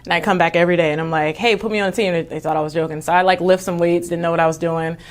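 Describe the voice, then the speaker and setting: Woman from Texas, athlete guest in a podcast interview, lowish voice, chatty with many fillers. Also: level tone, racing. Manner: chatty, full of fillers like "you know". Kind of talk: casual interview.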